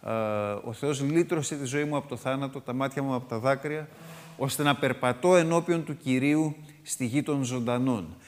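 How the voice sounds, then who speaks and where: A man's voice: mid-range voice, in a large hall. A man giving a sermon-style Bible study on a psalm, reading verses aloud and explaining them word by word with frequent filler sounds. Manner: reads scripture aloud between comments. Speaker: Bible teacher.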